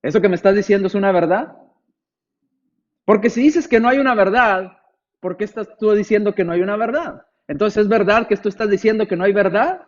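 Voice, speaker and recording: A man's voice: high-pitched, a little fast, dull audio. A man preaching a conversational sermon, asking rhetorical questions and acting out imagined replies from listeners.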